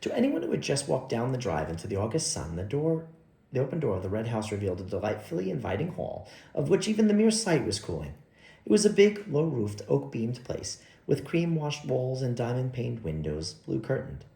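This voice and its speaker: A man narrating an audiobook in an unhurried, expressive reading style. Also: medium pitch, creaky. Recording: echoey room.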